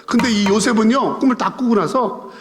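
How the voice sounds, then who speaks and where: Man, pastor, Sunday sermon, animated, rhetorical questions, echoey church hall. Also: high-pitched, fairly quick. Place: church sanctuary. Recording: reverberant church sanctuary.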